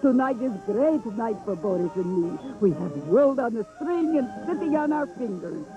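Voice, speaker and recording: A woman's voice: on the high side, expressive, normal speed, lightly acted. A woman voicing a scheming female spy villain who purrs in a put-on Russian-style accent and drops small words, as a cartoon host. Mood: sly. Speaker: host of a cartoon broadcast segment. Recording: dull recording with music.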